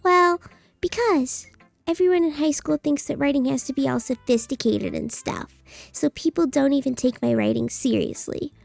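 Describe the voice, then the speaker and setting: A woman's voice: sits high, moderate pace, creaky, no room sound, faint music behind, pitched above the performer's own voice. A woman streamer voicing a bratty, defensive anime schoolgirl from a visual novel game in a cutesy, huffy voice. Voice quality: cutesy, annoying anime-girl voice.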